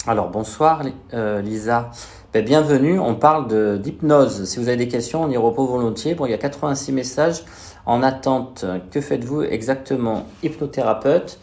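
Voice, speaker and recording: With a mid-range, darkish voice and a slushy lisp on his s, the young man chats casually as a live-stream host and reads viewers' questions. He's in a small indoor room using a phone held at arm's length, giving an echoey room sound.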